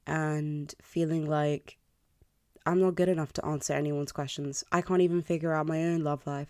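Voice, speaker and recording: Female podcast host, early 20s. Mellow and deep, self-deprecating and candid, recorded close and dry. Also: dry recording. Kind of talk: confessional solo podcast talk. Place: bedroom. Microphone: close podcast microphone.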